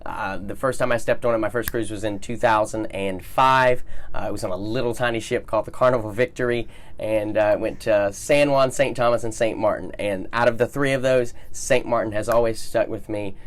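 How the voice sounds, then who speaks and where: A man's voice: on the low side, fairly even intonation, brisk. An American man hosting a casual interview, chatty and encouraging as he goes. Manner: chatty, encouraging with frequent affirmations.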